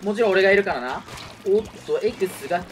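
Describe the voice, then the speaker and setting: A gaming streamer with a high, animated, fast voice gives live commentary on his play. He reacts as he goes, shifting between muttering to himself and exclaiming, over music and game audio.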